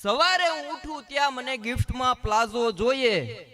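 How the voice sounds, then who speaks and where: A demanding, teasing wife, as a male comedian puts her on. She sounds shrill and insistent, very high and bright. She comes from a live stand-up comedy bit. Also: expressive, moderate pace.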